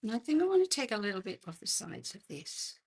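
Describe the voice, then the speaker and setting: An Australian woman with a husky, croaky voice hosts a craft demonstration livestream, clearing her throat as she goes. Her medium-pitched voice swings widely as she chats unhurriedly and murmurs to herself while working through a casual live tutorial.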